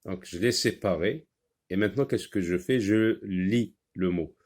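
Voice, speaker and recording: In a primary-school French reading lesson, a man with a lowish voice and darkish tone sounds out words syllable by syllable and repeats them. He pauses with "euh" as he explains.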